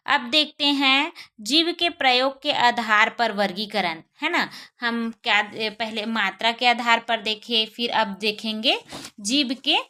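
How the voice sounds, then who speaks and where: A woman's voice: on the high side, bright, forceful tone. A woman teaching a grammar lesson, asking the class questions and then answering them herself, often adding little checks for understanding and saying vowel sounds aloud as examples.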